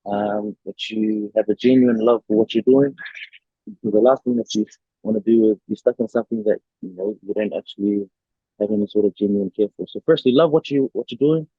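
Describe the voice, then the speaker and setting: A man's voice: lowish voice, fairly quick, slightly rough, dry recording. A young man from New Zealand, a rugby player answering interview questions casually with lots of fillers over a video call. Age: young adult. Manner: relaxed, many fillers and restarts. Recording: dry tinny video call audio.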